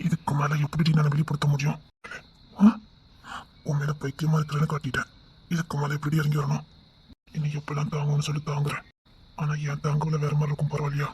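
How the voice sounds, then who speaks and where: An ardent young man, as a woman acts him out, speaking in a very low voice. He coaxes and flatters his sulking sweetheart, sometimes dropping to a hushed whisper. It sounds like a homemade romantic audio drama. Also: slight background noise, natural voice.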